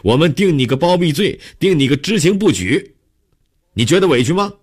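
A man's voice: very deep voice, animated, full character voice. A man voicing a stern old-school police captain. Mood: scolding. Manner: scolding, drawn-out "啊" fillers. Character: stern middle-aged male police captain. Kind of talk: audiobook character voice.

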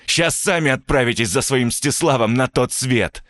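A man voicing a cynical, arrogant young male villain inventor who mocks his captives in a slow, menacing drawl. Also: mid-range voice, fairly bright tone, dry recording, studio quality, pitched above the performer's own voice, close to an everyday voice. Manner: gloating, mocking, drawn-out menacing delivery.

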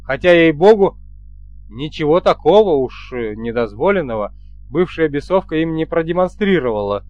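A man narrating an audiobook in the first person, telling the story in a wry, lively way. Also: on the high side, moderate pace, dull audio.

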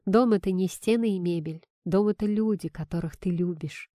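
Woman reading nervous older bachelor, trembling, halting, solemn, storybook, dry sound. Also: medium pitch, mellow, no echo, lightly acted. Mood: tender, solemn.

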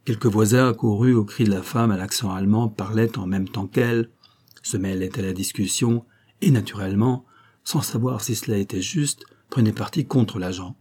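A man reading a novel aloud as a steady, deliberate audiobook narration. His voice is low and mellow, with a husky grain.

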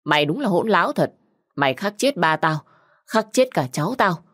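A woman's voice: lowish voice, animated, moderate pace, fairly bright tone. A woman voicing a domineering older aunt who barks contemptuous orders. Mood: scornful.

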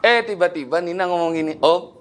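A middle-aged man preaching a storytelling sermon, emotional, moving between hushed and raised passages. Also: high voice, normal speed.

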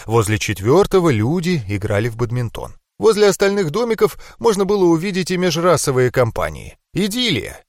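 A man narrating a fantasy audiobook in the first person with steady, expressive storytelling. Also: a little high, a little fast, hardly any pauses, no room sound, clean studio sound.

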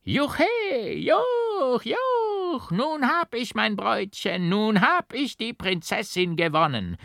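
A man's voice: wildly swooping pitch, takes it slowly, bright, forceful tone, dry recording, exaggerated voice. A man voicing a raving, murderous madman in rags who shrieks with manic laughter, in a dry audio drama reading. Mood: triumphant frenzy. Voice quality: shrill, shrieking cackle. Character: raving half-naked madman monk, murderous double.

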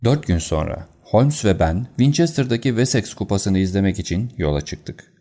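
A man narrating an audiobook with a steady storytelling delivery. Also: on the low side, moderate pace.

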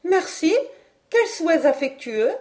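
A woman reading an audiobook, voicing a lively, teasing young woman with a playful, laughing manner. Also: high-pitched, a little slow, voice pushed up.

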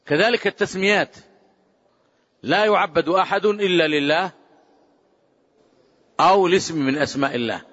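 A man giving a religious lesson as a scholar, speaking emphatically and slowing down to quote prayers. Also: high voice. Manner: emphatic, rising to forceful exclamations; measured, drawn-out quoting of prayers. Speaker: Islamic scholar teaching. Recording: dull lo-fi sound with long hall reverb.

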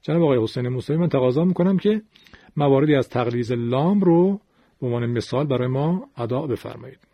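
A man lectures on recitation rules in a measured, explanatory tone, stopping to demonstrate sounds. His voice is husky and sits dry and close to the mic, with a muffled lo-fi sound. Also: mid-range voice, expressive, no room sound. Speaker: Quran recitation teacher.

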